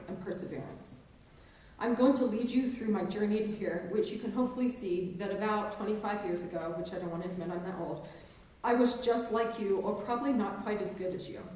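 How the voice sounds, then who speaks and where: A professor in her forties, born in England and raised in New Jersey, gives a conversational, self-deprecating keynote to an audience on a large auditorium stage. Her medium-pitched, darkish voice mixes English and New Jersey accents with a touch of Maryland Eastern Shore. The very echoey hall is captured by a distant mic with a little hiss or hum.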